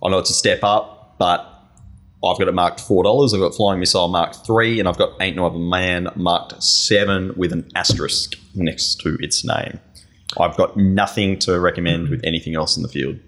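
Deep-voiced Australian man talking form. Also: steady tone, a bit bright. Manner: measured, lays out his price marks. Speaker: racing podcast co-host. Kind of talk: casual racing tips chat.

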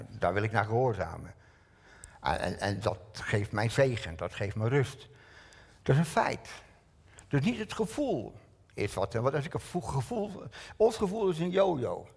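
An older man preaches a sermon in a church hall, with a gravelly edge to his voice. He talks straight to his listeners in a lively way and keeps asking them rhetorical questions. His tone is husky and sits at a middle pitch.

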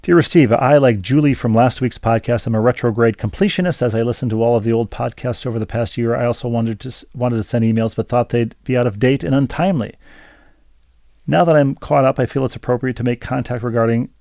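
Podcast host, male, gravelly voice, dry close sound, casual letter reading. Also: medium pitch, brisk, warm tone, dry recording. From Minnesota. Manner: reads letters aloud with chatty asides. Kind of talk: casual podcast chat, reading listener mail.

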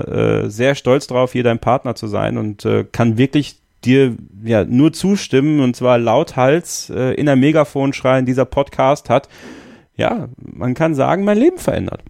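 A man's voice: mid-range voice, gravelly, darkish tone, no echo, clean studio sound. A man co-hosting a podcast, speaking with enthusiasm and gratitude in casual chat, with plenty of hesitations. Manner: enthusiastic, grateful, many fillers. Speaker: podcast co-host.

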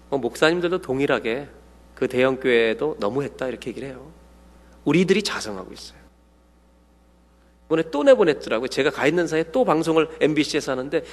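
Animated Korean-speaking pastor in a reverberant hall. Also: male voice, mid-range voice. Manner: animated preaching, acting out dialogue with sudden loud bursts. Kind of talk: sermon. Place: church sanctuary.

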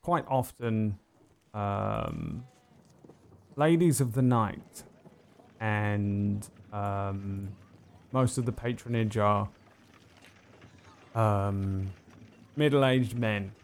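A man improvising narration as game master of a tabletop game, halting as he thinks aloud. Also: on the low side, sing-song, gravelly.

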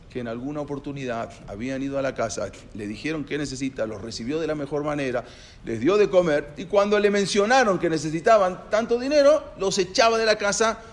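A man telling a story in a lively, dramatic narrating style. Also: medium pitch, a little hiss or hum. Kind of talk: oral storytelling.

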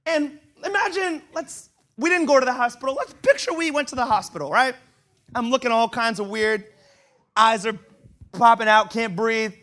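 High, bright-voiced man preaching with humor. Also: moderate pace. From Brazil. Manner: animated, humorous storytelling with laughs. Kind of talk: sermon with personal stories.

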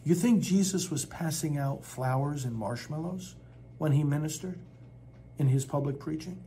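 A man delivers an impassioned sermon in a somewhat high voice. He reads scripture aloud with loud, emphatic force, then breaks off to comment in a plainer tone. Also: normal speed, a little hiss or hum. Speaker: preacher.

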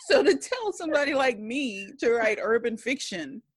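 A woman's voice: a little high, normal speed, breathy edge, dry recording. Woman from new orleans telling stories in a chat, dry close mic. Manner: animated storyteller, acts out quotes with laughs. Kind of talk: casual conversation.

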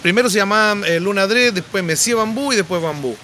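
Male podcast guest, fairly high, bright, chatty storyteller. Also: fast, a little hiss or hum. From Chile. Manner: animated anecdotes, frequent restarts. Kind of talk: casual storytelling.

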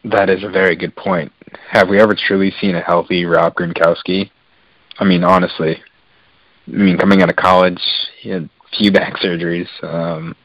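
A man's voice: sits low, no room sound, dull audio. A man co-hosting a casual sports podcast, talking in detail and with enthusiasm, with lots of fillers. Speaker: podcast co-host.

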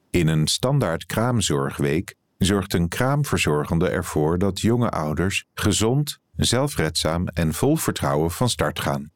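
A man, an editor, reading a written reportage aloud in calm, even scripted narration. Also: deep voice, no room sound, studio quality.

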